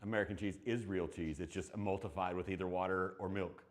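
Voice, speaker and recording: A man's voice: sits low, fairly even intonation, quick pace. A man in his forties teaching a math class, chatty and encouraging, with joking asides to his students. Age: 40s.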